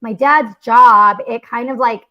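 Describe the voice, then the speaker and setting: This young podcast host, from Mexico City but raised in the Bay Area, runs a casual livestream chat full of fillers and giggles. She speaks a little slowly in a fairly high voice, and the sound is lo-fi.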